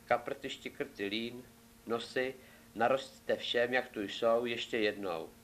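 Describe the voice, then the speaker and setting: A man voicing a lazy, cheeky peasant lad in a storybook tale, drawling and unhurried. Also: medium pitch, steady tone, a bit bright, natural voice. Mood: commanding.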